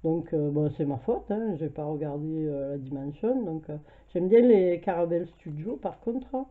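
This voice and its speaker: A French woman with a cold talks through her craft haul, hesitant and full of fillers. Her voice sits fairly low. The sound is tinny and thin, as if over a phone line. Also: animated, moderate pace. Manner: chatty, hesitant, many fillers. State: has a cold, coughing. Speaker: craft vlogger. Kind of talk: casual haul video. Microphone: camera mic at home.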